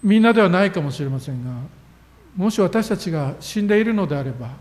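A man's voice: sits high, expressive, fast, a little mellow. A man preaching a sermon as a pastor, earnest and emphatic, with sudden rises in his voice. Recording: long reverb of a hall.

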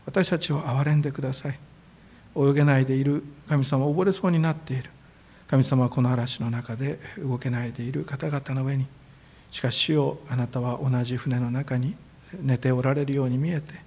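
A man serving as a church pastor, leading a formal prayer and then preaching in a relaxed, friendly way. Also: mid-range voice, gravelly, slightly rough. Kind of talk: prayer and sermon. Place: church sanctuary.

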